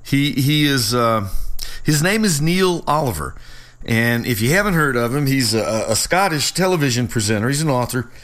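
A man hosts a political talk show alone, in a voice of average pitch. He comments without a script, informally, often halting as he gathers his next phrase. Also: lively intonation, a bit bright. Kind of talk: unscripted solo commentary.

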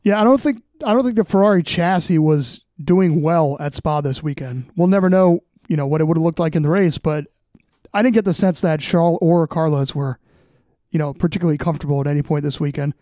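A man's voice: fairly high pitch, fairly quick, mellow, dry recording. A man co-hosting a podcast in casual sports chat, close on the mic. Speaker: podcast co-host.

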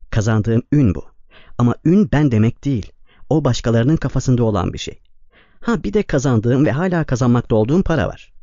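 A man's voice: medium pitch, warm tone, no room sound, lo-fi sound, natural voice. A man reading an audiobook, voicing a cold, bitter young man who talks impatiently.

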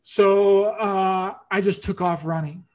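Male podcast host, fairly high and monotone, casual and rambling. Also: slow. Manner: rambling storytelling, many fillers and restarts. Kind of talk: casual interview chat.

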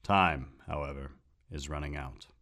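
A man's voice: extremely low pitch, steady tone, unhurried, pushed and bright, full character voice. A man voicing a grave male ship captain who solemnly declaims old legends.

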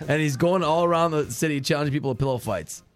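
A male radio co-host telling stories in casual talk, sprinkled with quick fillers. He speaks very fast in a slightly high voice. Faint music plays in the background. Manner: fast, chatty with filler words. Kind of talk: casual chat.

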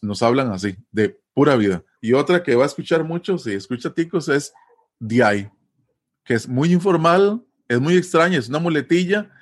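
Costa Rican man explaining patiently. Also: mid-range voice. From Costa Rica. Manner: patient, repeats himself, frequent fillers and tag questions. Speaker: interviewee. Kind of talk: casual conversational explanation.

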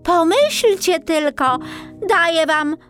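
A woman's voice: very high-pitched, animated, slow, a bit bright, faint music behind, pitched above the performer's own voice, heavily acted. A woman voicing a haughty, spoiled young princess in a storybook reading, petulant and commanding.

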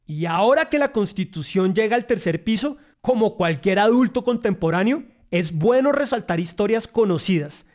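A man's voice: sits high, lively intonation, moderate pace, few pauses, a little mellow. A man with a Bogotá Colombian accent hosts a podcast, reading scripted narration with playful, colloquial asides. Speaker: podcast host.

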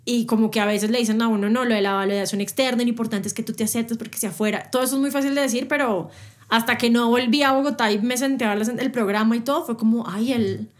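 Presenter guest, woman, quick and lively anecdotes, a bit high-pitched. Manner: fast, animated storytelling. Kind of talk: casual interview chat.

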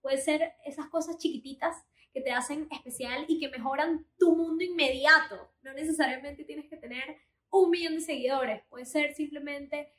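A woman's voice: high voice, fairly even intonation, moderate pace, a bit bright, roomy sound. A woman in her thirties giving earnest, encouraging life lessons in a confiding personal monologue. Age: 30s. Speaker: motivational vlogger.

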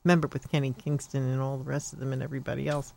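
Rapid-fire and creaky, this woman's bass voice barely moves in pitch yet stays a little mellow. She's an older host of a psychic call-in radio program, talking in a rambling, chatty style full of fillers.

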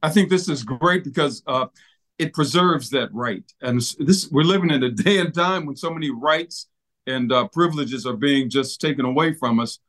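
A man's voice: medium pitch, normal speed, a bit bright. A man hosting an interview, asking questions and encouraging his guest in a friendly way. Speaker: host.

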